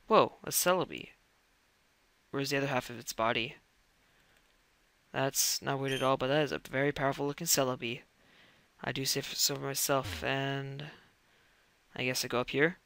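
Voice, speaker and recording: A young man commenting on a game as he plays, reacting out loud and talking to himself, his voice cracking now and then. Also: medium pitch, fairly even intonation, normal speed, creaky, pauses often, smooth. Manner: reacts loudly and talks to himself while playing. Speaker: let's play gamer. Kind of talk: gameplay commentary.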